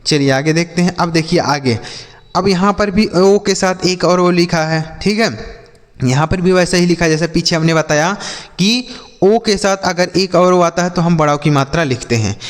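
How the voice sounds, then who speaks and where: A man's voice: on the high side, big-room sound. A man teaching English reading to children, spelling words out and asking and answering his own questions. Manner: repeats each word, asks and answers his own questions. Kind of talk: classroom-style phonics lesson.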